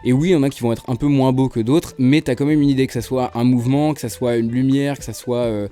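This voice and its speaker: Fast-talking young man, dark voice. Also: medium pitch, steady tone, faint music behind. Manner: enthusiastic, fast, slangy, many fillers. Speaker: film debate host. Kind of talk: casual film debate.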